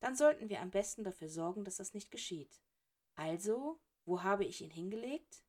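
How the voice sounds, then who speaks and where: A woman's voice: mid-range voice, animated, normal speed, a little mellow, close to an everyday voice. Woman doing an old male wizard, jovial, soothing, unflappable, raised voice, storybook audiobook. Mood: cheerful. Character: cheerful elderly male headmaster wizard, unflappable. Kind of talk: audiobook character reading.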